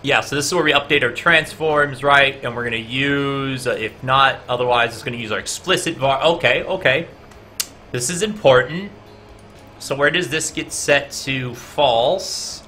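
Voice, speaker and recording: A man's voice: mid-range voice, moderate pace, soft background music. A man streaming his game programming, reasoning aloud as he works and chatting with viewers in between. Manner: chatty, talks to viewers in chat between code explanations; guessing and reasoning out loud with frequent "uh". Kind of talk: live coding stream, thinking aloud.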